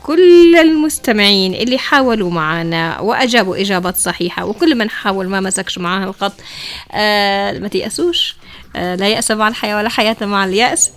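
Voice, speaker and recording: A woman's voice: medium pitch, quick pace. A woman with a Yemeni Arabic accent presenting a live radio prize draw as its host, with emphatic, celebratory announcing.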